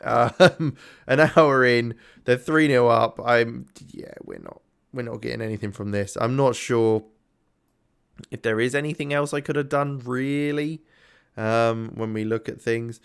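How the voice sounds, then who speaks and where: A man's voice: mid-range voice, unhurried, gravelly, smooth. A man casually commentating his own game, thinking aloud with lots of ums, tired and yawning. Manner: rambling, self-chatting, thinks aloud with many ums. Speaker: gaming YouTuber. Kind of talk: casual let's-play commentary.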